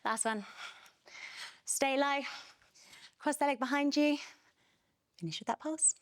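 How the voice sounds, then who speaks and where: A woman's voice: sits high, takes it slowly, no echo, clean studio sound. A young adult woman leading a barre workout class, energetically counting reps and cueing moves while a little out of breath. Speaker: fitness instructor.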